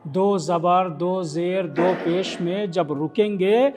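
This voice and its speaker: A man with an Indian Urdu accent, a maulana teaching Quran recitation rules. He explains, quizzes the listeners and breaks into slow melodic chanting. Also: high-pitched, crowd noise. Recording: long reverb in a hall.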